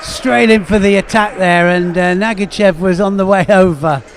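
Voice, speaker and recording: A man giving expert co-commentary in live sport, eager and halting with lots of fillers. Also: high-pitched, fairly even intonation, slight background noise.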